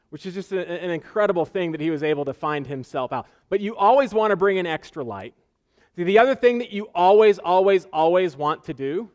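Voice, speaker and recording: A man's voice: high voice, a little mellow. A man preaching a sermon as pastor, earnest, repeating phrases for emphasis and asking rhetorical questions.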